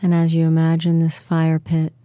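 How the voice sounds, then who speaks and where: A woman talks listeners through a guided relaxation in an unhurried, soothing way. Her voice sits low and mellow. The recording is close and dry, with no room sound. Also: monotone, clear, resonant tone, no echo. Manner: slow, soothing, soft-spoken instructions.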